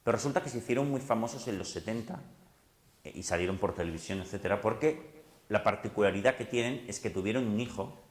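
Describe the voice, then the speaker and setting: Middle-aged Spanish man, animated psychologist-lecturer, conversational, recorded in an echoey hall. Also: fairly low pitch, fast talker. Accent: Spain Spanish. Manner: animated, conversational, acts out little dialogues. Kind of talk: lively public talk to an audience.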